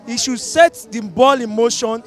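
High-voiced Nigerian man speechifying. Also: moderate pace, faint music behind. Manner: emphatic, oratorical, repeats calls to action. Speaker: passer-by in street interview. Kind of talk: impassioned street opinion. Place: busy city street outdoors. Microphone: handheld mic held by interviewer.

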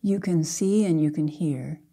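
In a low voice, an older woman teaching Zen leads a guided meditation. She keeps her tone soft and gentle, offering short, measured phrases and leaving long silences.

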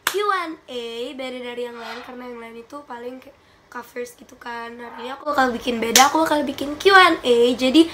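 Speaking fairly high and a little fast, a young vlogger does a relaxed Q&A from a small bedroom, her nose slightly blocked by a cold. She's chatty and giggly, waving her hands as she talks, and a crowd can be heard in the background.

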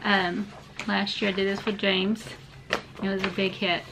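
A mother chats casually at the dinner table. She asks her child patient, coaxing questions, and her voice sits at an everyday middle pitch. A loud wash of background noise runs under her voice. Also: little pitch movement, measured pace. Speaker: mother and channel host. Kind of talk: casual home vlog chat.

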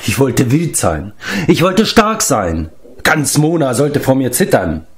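A man's voice: mid-range voice, very animated, slow pace, voice pushed up. Man putting on a whiny wailing giant. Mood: self-pitying. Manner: plaintive, wailing complaints. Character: whiny self-pitying male giant. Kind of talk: audiobook character reading.

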